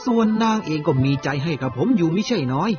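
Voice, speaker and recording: A man's voice: on the high side, animated, quick pace, lightly acted. A man playing an earnest old brahmin father in a dramatised story, speaking politely and formally to his teacher. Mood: rueful. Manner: polite, deferential, old-fashioned formal speech. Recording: dull lo-fi audio with clear music behind.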